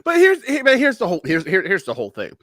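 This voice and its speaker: A man hosts a casual reaction livestream, thanking chat and riffing with guests. His pitch swings widely, jumping high when he gets worked up, and he stumbles into repeated restarts. The sound is dry and close. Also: quick pace, no echo. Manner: animated, jumps high in pitch when excited, stammers restarts. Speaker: livestream host reading chat.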